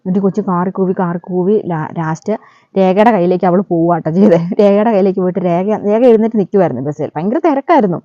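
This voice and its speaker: A woman with a fairly low, warm voice tells a story quickly in a chatty vlog manner, often adding a friendly "you know." The recording is dry, dull and lo-fi.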